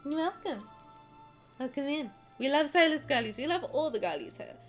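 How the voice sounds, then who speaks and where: A young woman livestreamer with a high, very animated voice, gushing like an excited anime fan. She chats casually and teasingly to her viewers over music. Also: brisk.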